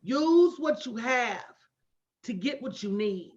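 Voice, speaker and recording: A woman in her late 40s with a high, darkish voice and lively intonation hosts a livestream as a motivational business coach, speaking slowly to her online audience. She's emphatic and preacher-like, repeating herself, addressing listeners directly, and using folksy slang. The livestream audio is dull and lo-fi.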